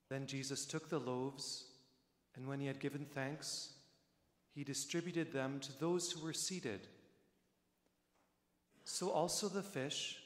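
A man reading the Gospel aloud as a priest during a church service, solemn and measured, with a cathedral echo around his voice. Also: mid-range voice, fairly bright tone. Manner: slow, measured, deliberate phrasing. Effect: cathedral echo with long reverb. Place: large church. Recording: echoey church with long reverb.

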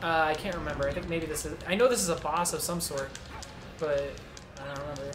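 A man's voice: on the high side, fast talker, music in the background. A young man co-hosting a gameplay video, rambling and joking as he explains the game. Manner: rambling, joking, lots of fillers. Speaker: let's play co-host, guide. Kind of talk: casual gameplay chat.

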